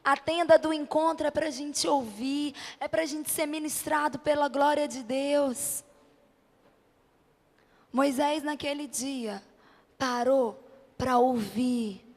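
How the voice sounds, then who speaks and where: This is a high-pitched woman, a Brazilian preacher, taking her time as she delivers a passionate, forceful sermon at a church gathering. Her intonation stays fairly even while she presses her points with rhetorical questions and repeated short lines, all amplified in a reverberant hall.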